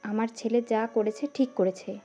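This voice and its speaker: A woman's voice: fairly high pitch, steady tone, moderate pace, dark tone, slight background noise, natural voice. A woman playing a concerned mother, protective of her son, in a scripted audio story. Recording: muffled audio, music behind.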